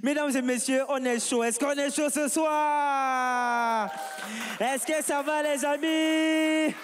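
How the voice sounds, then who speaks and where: A man doing stand-up and introducing acts on a comedy stage, animated and hyping up the crowd. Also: very high-pitched, slow pace, slight background noise. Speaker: comedy show host. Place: large stage with live audience. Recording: live stage sound with long reverb.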